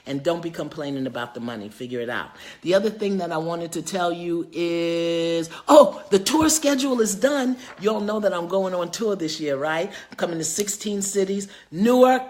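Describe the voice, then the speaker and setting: An older woman, an author and spiritual teacher, talking casually on a live video, lively and chatty as she greets viewers by name. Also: sits low.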